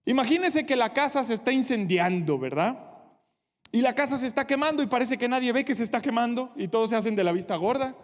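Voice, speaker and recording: A man preaches a sermon in an earnest, direct way, speaking straight to his congregation. His voice sits high for a man, and a long reverb from the church hall trails after his words. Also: animated, quick pace. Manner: earnest preaching, addressing the congregation directly, acting out short quotes. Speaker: pastor.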